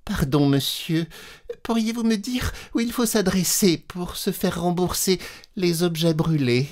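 A man's voice: high voice, unhurried, a little mellow, voice pushed up. A man voicing a timid, flustered middle-aged woman who speaks in a small, stammering voice.

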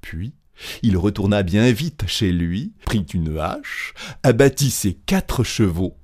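A man reading a fairy tale aloud, measured and animated. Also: lowish voice. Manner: slow, measured, animated storytelling. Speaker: narrator.

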